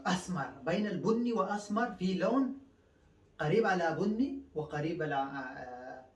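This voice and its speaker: Heard from a distance in an echoey room, an Afghan language teacher speaks in a high-pitched voice with lively intonation. Pashto is his first language. His casual lesson is slow, full of drawn-out fillers and repetition.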